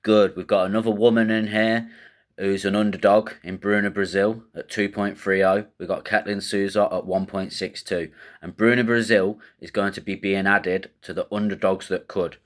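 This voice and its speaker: A man's voice: lowish voice, little pitch movement, moderate pace. A man hosting a casual fight-betting show, thinking aloud in a rambling, slangy way with casual swearing.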